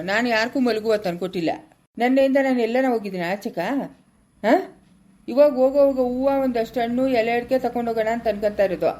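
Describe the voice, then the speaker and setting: Brief: bossy elder, acted by a woman, high brisk voice, chikkaballapura kannada. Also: a little mellow, natural voice. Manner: bossy, hurrying others. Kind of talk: family skit acting.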